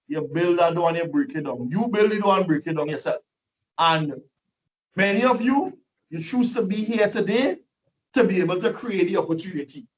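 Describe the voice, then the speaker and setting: A man giving a lively, preachy motivational webinar talk full of rhetorical questions, over a video call. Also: sits high, distant mic, poor audio. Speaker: guest speaker.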